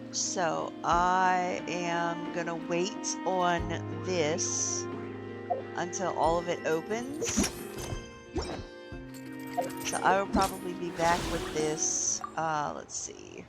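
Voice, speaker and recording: A woman's voice: lowish voice, sing-song, very slow. A woman game streamer chatting casually and sleepily, meandering with lots of ums. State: sleepy, yawning. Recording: game music playing behind.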